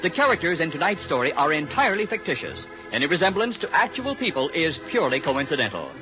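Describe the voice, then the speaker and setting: A man's voice: on the high side, big pitch swings, fast talker. A man announcing in scripted 1940s radio style, reading closing credits, with organ music behind him. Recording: dull vintage radio recording with music.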